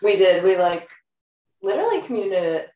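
A woman's voice: mid-range voice, very animated, a little fast. A woman in her thirties chatting casually as a podcast guest. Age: 30s. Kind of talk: casual chat. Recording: roomy, distant, slightly dull microphone.

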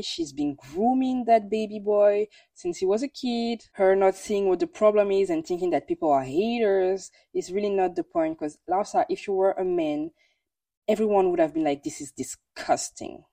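A woman's voice: medium pitch, mellow, no echo, recorded from a distance. A woman hosting a casual podcast, giving blunt, opinionated commentary. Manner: opinionated, blunt, rising to exasperated outbursts. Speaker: podcast host.

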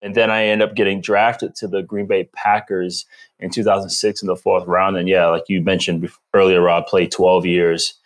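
A former pro football player in his thirties, from Rhode Island on the US East Coast, appears as a guest in a casual chat. With a deep voice at normal speed, he tells stories animatedly and laughs a lot.

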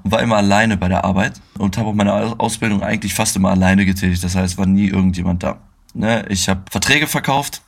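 A young man co-hosting a casual podcast, telling slangy, excitable stories with bursts of laughter. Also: fairly low pitch, quick pace, gravelly. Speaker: podcast co-host. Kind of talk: casual chat.

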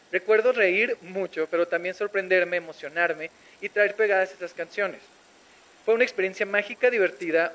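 A man's voice: high voice, fairly bright tone, low-quality recording. A man narrating a scripted, reflective tribute made of memories. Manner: reflective, recalling.

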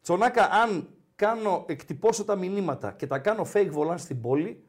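A man hosting a casual sports podcast, telling stories in an animated, teasing way. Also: sits high.

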